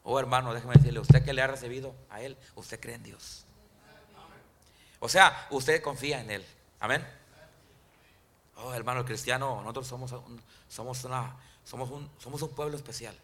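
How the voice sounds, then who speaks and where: A man preaching a Spanish-language sermon in church, calling out to the congregation and often asking them questions, slowing down when he quotes scripture. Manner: rises in pitch and loudness for emphasis, slows on scripture quotes. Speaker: pastor.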